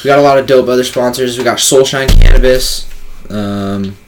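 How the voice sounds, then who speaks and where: A very high man chatting casually in a slangy, sweary stoner manner. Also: moderate pace, faint music behind. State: very high on cannabis. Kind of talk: casual chat.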